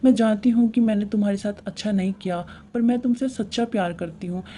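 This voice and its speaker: A man's voice: high-pitched, steady tone, fast, slight background noise, pitched above the performer's own voice, lightly acted. A pleading young bride, as a man voices her. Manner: pleading, soft.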